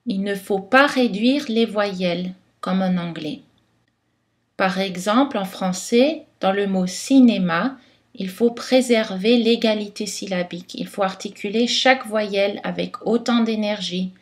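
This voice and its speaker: A woman giving a scripted phonetics lesson, articulating each word carefully and clearly. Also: medium pitch. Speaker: phonetics teacher.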